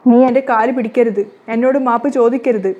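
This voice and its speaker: A middle-aged mother full of secret grief speaks between tears in a soap-serial recap, as a woman narrator reads her lines. Her tone turns firm and dismissive as she insists, and her voice sits slightly high. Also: steady tone, fast, a little mellow, muffled recording, lightly acted. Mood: tearful. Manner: tearful, then firm and dismissive. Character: grieving middle-aged mother, secretive, loving yet stern.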